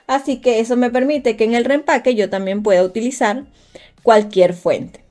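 A woman's voice: on the high side, steady tone, moderate pace, a little mellow, faint music behind. A woman teaching a live design class, chatting directly with her viewers and thinking aloud as she works. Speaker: crafts instructor. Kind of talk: live-streamed software tutorial.

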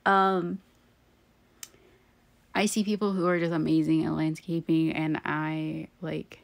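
A woman's voice: low voice, level tone, slow, gravelly. A woman hosting a game-building channel, recording a casual, rambling voiceover late at night, giggling and poking fun at herself and sounding tired. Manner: rambling, giggly and self-deprecating. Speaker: Sims build channel host. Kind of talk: casual voiceover over gameplay.

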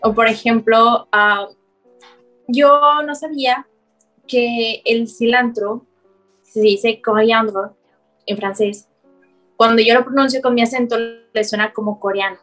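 A woman from Mexico speaks with a Mexican Spanish accent and a voice that sits a little high. As a podcast guest, she chats casually and tells anecdotes with animation, acting out the dialogue she quotes and laughing often. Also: fairly even intonation, slow, pauses often, a bit bright, faint music behind. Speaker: guest, scientist.

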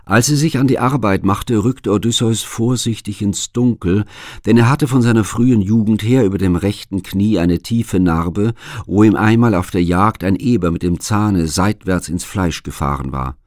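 A man narrating a classic legend as an audiobook reader, steady and even-toned. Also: fairly low pitch, moderate pace, dry recording, studio quality. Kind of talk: scripted narration.

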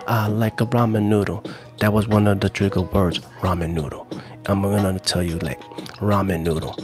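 In a small room at home with a gaming screen, a man in his forties with a lowish voice hosts a playful ASMR stream, whispering trigger words, repeating phrases and chatting casually. He stays close to a handheld recorder on a stand with a foam windscreen.

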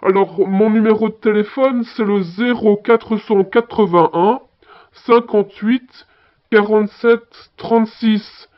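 Belgian French man, high voice, chatty answering machine message, muffled audio. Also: steady tone, takes it slowly. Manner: chatty, fillers like voilà and hein. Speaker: caller. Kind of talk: phone message in a listening exercise.

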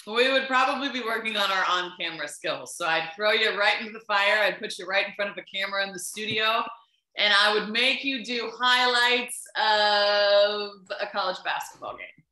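A woman in her thirties, a baseball sideline reporter, is a guest in a casual interview over a video call from a room at home. She chats enthusiastically and tells stories full of "um" and "like". Her mid-range voice has a sharp tone at normal speed, in a reverberant, rough recording.

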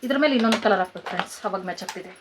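A woman around twenty-eight, with a rural Kannada accent from the Kanakapura area, vlogs from her village home, moving indoors and outdoors. She speaks very fast at a medium pitch, joking with viewers as if they were friends and cooing at her pets. Heavy background noise runs under her voice.

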